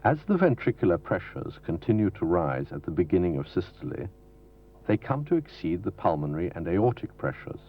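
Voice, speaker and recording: Dull, lo-fi audio reminiscent of a 1970s film track copied off videotape carries a very low-voiced man's scripted narration. He delivers an instructional medical film formally and didactically, at a measured pace with plenty of pitch movement.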